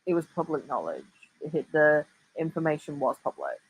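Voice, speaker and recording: A woman's voice: deep voice, big pitch swings, a little fast, husky, low-quality recording. A woman giving casual reaction commentary, full of sarcastic, mocking asides.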